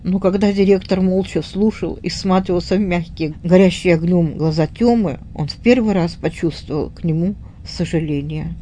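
A woman's voice: fairly low pitch, normal speed, hardly any pauses, dark tone, a little hiss or hum. A woman retelling a story aloud in her own words, unscripted, with small fillers and restarts.

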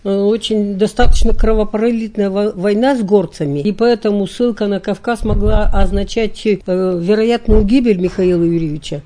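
Older female literary scholar, interview guest, measured and earnest, hesitant pauses, mellow voice. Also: medium pitch. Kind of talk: interview answers, lecturing tone.

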